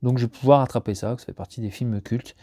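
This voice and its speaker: A man chatting casually while unboxing discs at home, rambling with many fillers and restarts, and jumping up in pitch when he gets excited. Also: fast, no room sound, studio quality.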